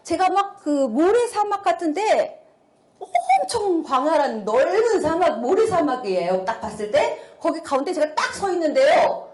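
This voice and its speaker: A middle-aged woman giving a testimony sermon to a congregation, animated, exclaiming and laughing often. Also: extremely high pitch, moderate pace, roomy sound. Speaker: church speaker giving testimony.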